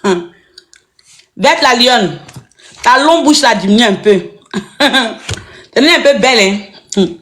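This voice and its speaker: A woman's voice: a little high, animated, a little slow, pauses often, fairly bright tone. A woman with an Ivorian French accent teasing and insulting in casual banter on a phone live stream, often laughing as she talks. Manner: teasing, mocking insults, laughs while talking.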